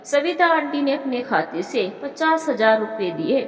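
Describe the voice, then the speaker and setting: A woman narrating a moral family story in an even, plain storytelling manner. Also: high voice, measured pace. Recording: echoey room with long reverb.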